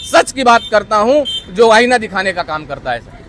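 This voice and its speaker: A man, a social activist, arguing loudly and combatively in an outdoor street interview. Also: high voice, sing-song, slight background noise. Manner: loud, combative, rapid-fire accusations.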